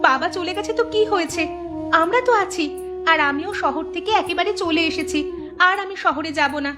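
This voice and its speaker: A woman voicing a dutiful elder daughter in a cartoon story, calm and reassuring toward her mother, with music behind. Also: extremely high pitch, fairly quick. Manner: reassuring, steady. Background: background music.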